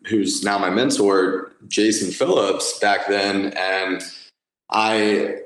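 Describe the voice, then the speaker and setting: Male guest, late 20s, enthusiastic chatty founder, lowish voice, echoey room. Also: fairly even intonation, slow, a bit bright. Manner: enthusiastic, many fillers and restarts. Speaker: guest, nutrition company founder. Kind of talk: conversational podcast interview.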